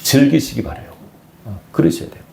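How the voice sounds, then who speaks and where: A man's voice: medium pitch, big pitch swings, a little fast, creaky, dark tone, echoey room, slight background noise. A man preaching a sermon as pastor to his congregation, often asking them questions. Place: church sanctuary.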